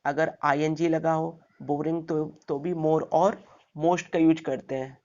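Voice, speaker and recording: A man's voice: a little high, level tone, takes it slowly, a little mellow. Guy teaching grammar, keeps asking questions and saying okay, kinda muffled lo-fi audio. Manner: rhetorical questions, frequent "okay" check-ins. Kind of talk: grammar lesson explained step by step.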